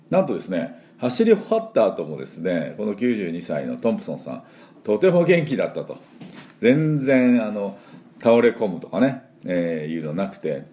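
Middle-aged male English teacher, low voice that swoops up and down, casual lesson host with lots of drawn-out fillers. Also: warm tone. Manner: chatty and explanatory, with many drawn-out fillers; demonstrates pronunciation slowly for listeners to repeat.

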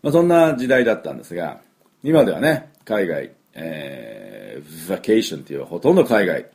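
A middle-aged man giving a chatty English pronunciation lesson, with drawn-out fillers and model words repeated for the listener to copy. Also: low voice, wildly swooping pitch, gravelly, a little mellow. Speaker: English teacher.

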